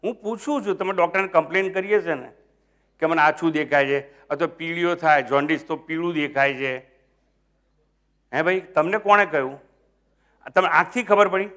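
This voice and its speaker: A high-voiced older swami with a Gujarati accent delivers a sermon. He drops to near murmurs, then rises to loud, emphatic points. He keeps quizzing his listeners and mixes English phrases into his talk. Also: normal speed, long pauses. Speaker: swami giving a spiritual discourse.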